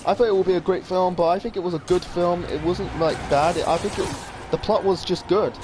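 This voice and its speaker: A man from England giving casual, rambling commentary while playing a game, talking fast and swearing when things go wrong. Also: high-pitched, steady tone. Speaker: gamer commentator. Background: faint game music.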